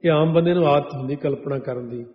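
A man giving a Sikh sermon who chants scripture verses slowly, then explains them line by line. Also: on the high side. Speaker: Sikh preacher giving katha. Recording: dull echoey hall sound.

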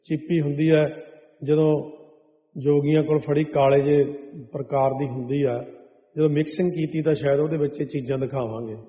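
A man's voice: a little high, steady tone. Man preaching in a dull echoey hall. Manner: slow, chants verses then explains line by line. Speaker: Sikh preacher giving katha. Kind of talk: sermon with chanted scripture.

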